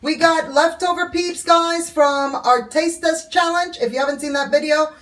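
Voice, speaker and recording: A woman's voice: high-pitched, steady tone, normal speed, fairly bright tone. A woman hosting a casual family vlog, chatting from off camera as she runs a challenge. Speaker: host. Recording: slightly distant camera mic, faint music.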